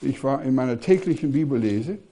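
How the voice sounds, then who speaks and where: An older man preaching a sermon, emphatic, asking rhetorical questions and pausing often with hesitations. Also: medium pitch, expressive, mellow.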